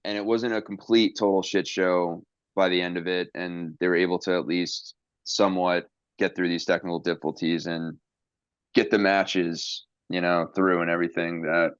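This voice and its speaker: Brief: low, smooth-voiced male podcast host, loose and profane, muffled dry sound. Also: dry recording. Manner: rambling, profane, with many fillers and restarts. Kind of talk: casual podcast chat.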